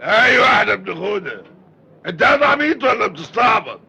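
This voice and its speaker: Raspy scornful Egyptian gang collector. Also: male voice, sits high, big pitch swings, fast talker, pushed and bright, exaggerated voice, poor audio. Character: greedy man, a beggar gang's money collector, scornful.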